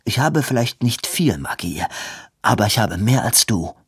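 A man's voice: mid-range voice, very animated, moderate pace, husky, no room sound. Bitter young man, read by a male narrator, urgent and tense, hissing in a dry storybook reading.

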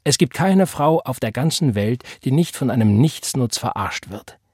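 Man voicing an older woman, motherly and blunt, preachy, emphatic, raised voice, husky tone. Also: mid-range voice, lively intonation, normal speed, darkish tone, dry recording, studio quality. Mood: indignant. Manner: preachy, emphatic, invokes the Lord. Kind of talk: audiobook character voice.

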